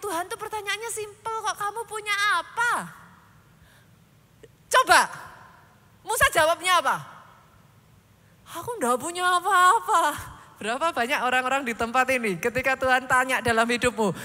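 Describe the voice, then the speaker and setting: Woman pastor, bright high voice, preaching sermon, long hall reverb. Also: moderate pace. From Indonesia. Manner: preaching with emphatic swells, mixing in English phrases. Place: large church hall.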